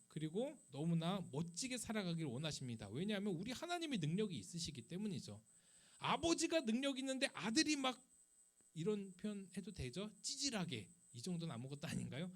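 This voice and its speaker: A male pastor giving a conversational sermon to a middle school youth group at a church service. He asks rhetorical questions and acts out the lines he quotes. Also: high-pitched.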